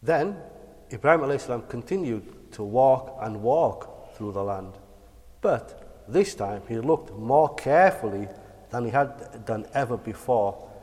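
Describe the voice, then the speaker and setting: Male kids' show host in long reverb. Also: medium pitch. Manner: kids' show host, animated and encouraging to young listeners. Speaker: children's storyteller and host. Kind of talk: dramatic bedtime religious storytelling.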